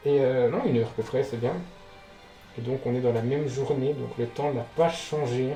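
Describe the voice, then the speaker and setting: Guy doing casual let's play commentary, mellow voice, echoey room, mutters and swears at his game, music behind. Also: mid-range voice, fairly even intonation, normal speed. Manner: reacts out loud, swears, talks to the game. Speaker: gaming video host.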